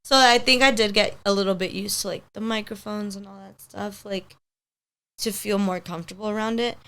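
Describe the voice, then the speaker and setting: A young Spanish-speaking hair stylist in her twenties guests on a podcast, talking fairly quickly in a mid-range voice that is steady, a bit bright and smooth. The chat is casual and upbeat, rambling and heavy with "like."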